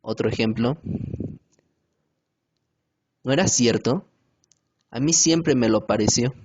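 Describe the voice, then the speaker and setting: Slow, careful man reading a lesson. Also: mid-range voice, a little mellow, slight background noise. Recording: dull lo-fi home recording.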